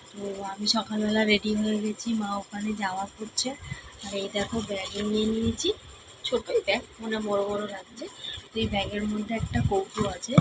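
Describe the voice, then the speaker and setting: A woman's voice: mid-range voice, rough recording. A woman with a Kolkata Bengali accent chatting casually to her viewers in a vlog, confiding and often calling them friends. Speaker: vlogger.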